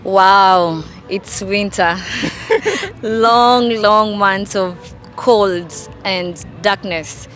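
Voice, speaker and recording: A woman from Kenya answering a street interview outdoors in a park, cheerful and quick to laugh, into a handheld mic. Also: medium pitch, lively intonation, fairly bright tone, soft background music. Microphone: handheld mic held by interviewer.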